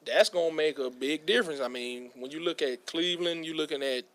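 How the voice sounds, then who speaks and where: A man, a high school football coach, talking sports in a relaxed conversational way on a talk show. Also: fairly quick. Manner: relaxed, conversational, frequent "you know". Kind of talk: casual sports chat.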